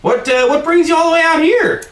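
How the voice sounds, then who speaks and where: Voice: extremely high pitch, brisk, pitched above the performer's own voice. Someone putting on a gushing half-elf barkeep. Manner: eager, gushing, stammers when flustered. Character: friendly excitable male half-elf bartender. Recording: roomy, from a distance.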